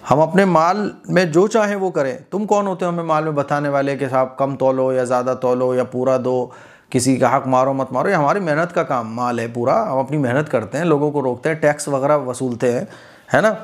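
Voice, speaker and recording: A man's voice: medium pitch, steady tone, a little fast, natural voice. A man voicing a sarcastic, stubborn crowd of townsmen who taunt and sneer, within his religious lesson. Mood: mocking.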